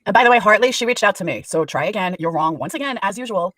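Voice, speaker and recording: Woman in her fifties, blunt gossipy chat, bright forceful voice, slightly distant dry mic. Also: medium pitch, lively intonation, fast, no room sound. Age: 50s. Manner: blunt, emphatic, gossipy, sweary. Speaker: livestream guest.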